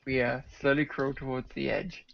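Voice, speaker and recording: A man's voice: mid-range voice, flat delivery, moderate pace, creaky. A man playing in a tabletop game, talking casually and hesitantly with lots of "like". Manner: hesitant, full of "like". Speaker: player. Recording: muffled lo-fi recording with faint noise.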